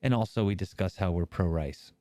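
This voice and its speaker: Deep-voiced man with a lisp. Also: a little fast, no echo, studio quality. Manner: joking, rambling, animated. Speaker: co-host. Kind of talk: casual chat.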